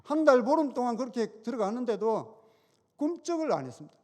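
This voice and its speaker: A middle-aged man giving an animated testimony in church, acting out the dialogue in his story. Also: extremely high pitch, fairly quick. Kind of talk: testimony sermon. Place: church sanctuary. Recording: long church hall reverb.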